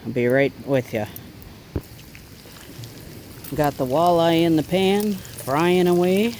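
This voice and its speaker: Man, casual outdoor vlog, mellow higher voice, faint outdoor noise. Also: slow, rough recording. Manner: chatty, easygoing, talks while eating. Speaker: bushcraft vlogger. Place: outdoors by a cooking fire.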